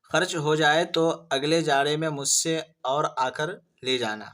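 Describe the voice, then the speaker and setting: A benevolent storybook Mister Winter, the season turned into a generous gentleman, as a man reads him aloud. He speaks in a fairly high voice and bestows blessings and gifts with grand kindness. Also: fairly even intonation, close to an everyday voice.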